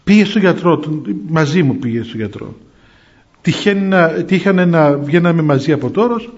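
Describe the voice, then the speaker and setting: A male monk preaching through personal stories, chuckling as he goes and firing off rhetorical questions. His voice sits fairly high for a man. The recording is dull and lo-fi. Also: lively intonation, a little mellow. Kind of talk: storytelling sermon.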